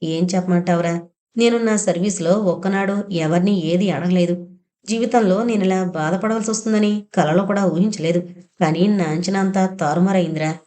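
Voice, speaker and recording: A woman's voice: on the low side, moderate pace, mellow, natural voice. A woman voicing an ailing elderly father, speaking in a sorrowful, pleading way in an audio novel.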